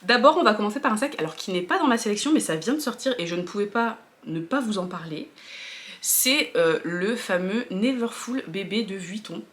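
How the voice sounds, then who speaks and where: A woman's voice: medium pitch, expressive, a little fast, a bit bright. A woman vlogger chatting casually to camera about luxury goods, with many fillers and restarts.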